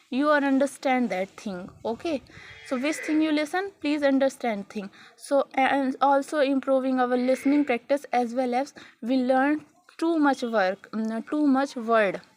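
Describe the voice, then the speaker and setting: A young woman from India with an Indian English accent, giving a casual spoken English lesson, halting often with fillers, restarts and a repeated "okay". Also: sits high, darkish tone. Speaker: English learning vlogger.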